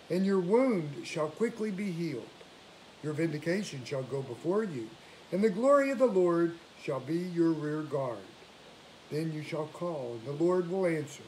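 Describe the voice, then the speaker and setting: An older man in the role of priest delivers liturgy with solemn, measured formality. His voice sits a little high for a man. A faint hiss runs behind his prayers and readings in a home recording. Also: dark tone, rough recording. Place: small domestic room indoors.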